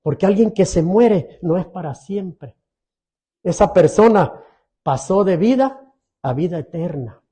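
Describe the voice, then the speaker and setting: A man's voice: high voice, lively intonation, a little slow, dark tone, slightly rough. A middle-aged man preaching a sermon as pastor, earnest and pleading, often asking his congregation questions.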